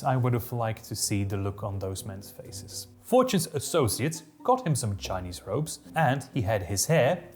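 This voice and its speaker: A man hosts a comedic history show with a very animated voice that rises and falls constantly. He reads archival passages aloud and then drops in wry, joking asides. Faint music plays in the background. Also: mid-range voice. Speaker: history podcast host.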